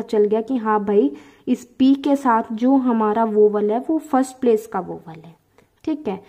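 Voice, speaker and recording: A woman's voice: on the high side, warm tone, lo-fi sound. A woman teaching a shorthand lesson, drilling vowel sounds aloud and checking in with her students with frequent short questions. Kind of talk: classroom-style lesson.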